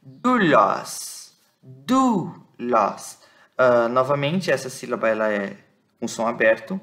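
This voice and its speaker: A man teaching a lesson. He explains patiently, repeats words slowly and keeps checking that his listeners follow. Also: medium pitch, fairly bright tone. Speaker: Bible Greek teacher.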